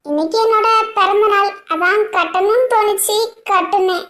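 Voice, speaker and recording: A woman's voice: extremely high pitch, moderate pace, a bit bright. A woman voicing a timid, sweet young female employee in a cartoon, talking in a fretful, apologetic way.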